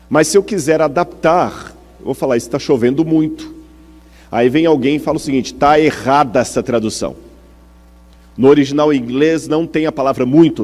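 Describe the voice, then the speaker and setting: A man's voice: a little high, darkish tone. A man with a Brazilian Portuguese accent preaching a teaching sermon to a congregation. He explains step by step and often checks in with his listeners through questions. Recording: long hall reverb.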